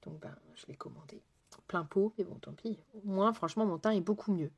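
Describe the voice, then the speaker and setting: A woman's voice: mid-range voice, a little fast, slightly rough. A woman makeup artist chatting casually through a live makeup tutorial, answering viewers' comments as she works, with lots of fillers and sentences that trail off.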